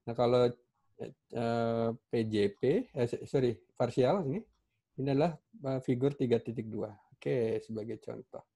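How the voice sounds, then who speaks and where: Male welding instructor with an Indonesian accent, mellow tone, loose and halting delivery, computer mic on a call. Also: mid-range voice, fairly even intonation. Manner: casual, halting, many fillers and restarts. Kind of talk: online class lecture. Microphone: computer mic on a video call.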